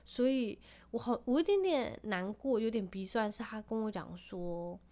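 A woman's voice: fairly high pitch, moderate pace, warm tone. A woman in her thirties hosting a podcast, chatting casually and tenderly about family life, laughing often. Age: 30s. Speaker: podcast host. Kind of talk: casual chat.

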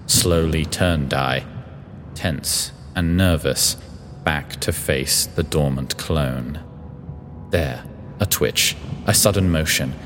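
A man narrating his own spooky verse story with a slow, solemn, rhythmic recitation. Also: very deep voice, a bit bright. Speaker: narrator and author. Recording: long reverb with faint hiss.

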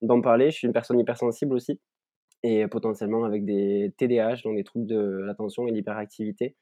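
A man in his twenties with a southern French accent, talking as a podcast guest. His voice is warm and mellow, recorded close and dry. He reflects on his experiences at an unhurried pace, often pausing and restarting. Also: fairly low pitch, fairly even intonation, dry recording. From southern France, Ariège. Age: 20s. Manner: thoughtful, many fillers and restarts. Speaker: guest, content creator. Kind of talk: reflective conversational storytelling. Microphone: remote recording.

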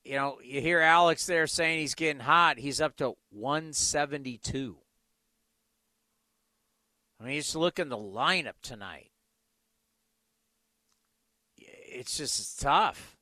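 A man's voice: fairly high pitch, bright, forceful tone, dry recording. A man hosting a sports radio show, talking casually and bluntly in a conversational way. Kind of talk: casual sports talk, commentary.

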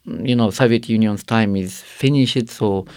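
This is a non-native English speaker from Karakalpakstan, Uzbekistan, sharing his personal story in an interview. He's earnest but halting and leans on many fillers. His voice is gravelly, on the low side and darkish, in a dry studio with no room sound.

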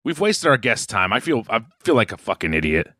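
A man's voice: medium pitch, big pitch swings, fairly quick, bright, forceful tone, no room sound, studio quality. A man with a Boston accent co-hosting a casual podcast chat, rambling with repeated words and frequent laughs. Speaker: podcast co-host. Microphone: headphones, remote call.

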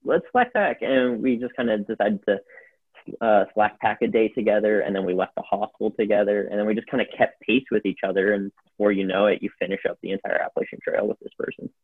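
A man's voice: fairly low pitch, little pitch movement, fast, husky, no echo. A man telling a long story as a podcast guest. He talks in a loose, rambling way and uses a lot of fillers. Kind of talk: casual storytelling. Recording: phone-like narrow sound.

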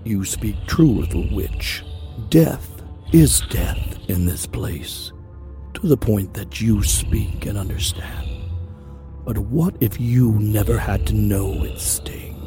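Man doing a slow, whispering demon stag, old and menacing, storybook creature. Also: lowish voice, over music. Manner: slow hushed whisper, purring.

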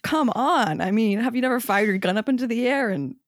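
A woman co-hosting a comedy trivia podcast, joking in an offhand, deadpan way. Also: fairly high pitch, brisk, no room sound, clean studio sound. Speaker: podcast co-host. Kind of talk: playful comedic banter.

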